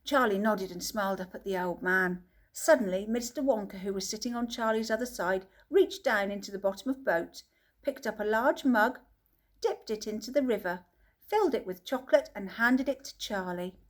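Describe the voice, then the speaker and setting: A woman narrating a children's book as an audiobook reader, telling the story in a lively way. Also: medium pitch, moderate pace.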